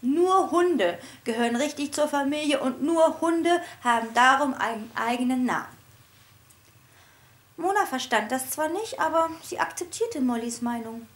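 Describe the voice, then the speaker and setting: Reading her own children's book aloud, a woman gives a lively storybook narration at an unhurried pace. Her high voice stays expressive, moving through animated pitch shifts.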